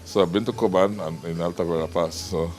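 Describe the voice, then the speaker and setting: A man's voice: low voice, fairly even intonation, brisk, a little mellow, soft background music. A middle-aged man hosting a casual on-site interview, chatty and prone to repeating words. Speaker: host.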